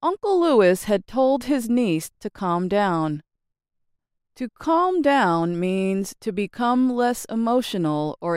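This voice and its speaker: An American woman narrating a scripted English lesson, speaking slowly, carefully and expressively. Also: medium pitch, darkish tone, clear, resonant tone, no room sound, studio quality.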